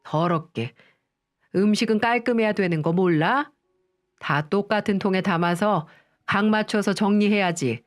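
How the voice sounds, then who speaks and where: A woman's voice: medium pitch, measured pace, lightly acted. A woman voicing a harsh, bossy middle-aged mother-in-law who scolds with contempt, in a storybook radio reading. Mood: scolding.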